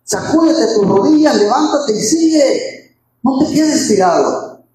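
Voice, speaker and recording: A man's voice: extremely high pitch, animated, measured pace, a little mellow. A man preaching a Sunday sermon, fervent and repeating his phrases, calling his listeners brothers. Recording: very echoey hall, faint background noise.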